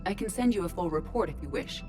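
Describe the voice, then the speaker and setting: A woman as EDI, a low-pitched, coolly logical AI. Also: animated, quick pace, dark tone, faint music behind, lightly acted. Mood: calm, analytical. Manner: formal, precise, clipped and emotionless. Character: female ship artificial intelligence in a robot body, coolly logical. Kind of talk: video game voice acting.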